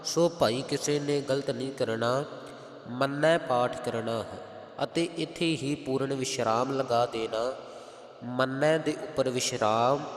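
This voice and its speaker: A man with a Punjabi accent teaching careful scripture recitation, chanting verses slowly and then explaining their pronunciation. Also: mid-range voice. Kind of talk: slow, careful recitation lesson. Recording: roomy, long hall echo.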